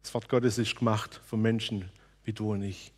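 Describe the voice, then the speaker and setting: Husky-voiced man preaching earnestly. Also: lowish voice, flat delivery, moderate pace, a little mellow. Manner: earnest, personal testimony. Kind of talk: sermon.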